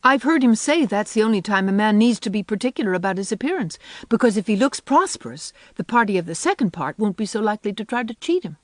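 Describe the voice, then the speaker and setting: A reader putting on a dreamy, imaginative young woman who gushes eagerly, her voice lifting higher than the narration. The recording is dry and close. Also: animated, fast talker, hardly any pauses, dry recording, close to an everyday voice. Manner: wistful and gushing, rising in pitch. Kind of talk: audiobook character voice.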